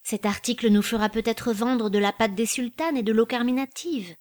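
A woman reading aloud the quiet, hushed words of a sober, practical shopkeeper's wife. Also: fairly high pitch, moderate pace, natural voice.

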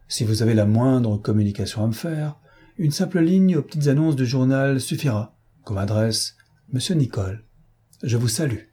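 A polished gentleman thief talks with smooth courtesy and a mocking edge in a read-aloud story, voiced by a man. The tone is mellow and a little husky. His words come measured and self-assured. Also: mid-range voice, animated. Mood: courteous. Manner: polite, ironic, self-mocking. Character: suave ironic gentleman thief, male.

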